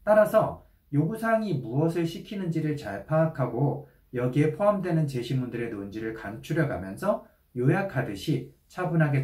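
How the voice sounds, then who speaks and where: A man giving a calm, methodical lecture as an essay exam instructor, speaking directly to students. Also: mid-range voice, reverberant, recorded from a distance. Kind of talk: explanatory lecture.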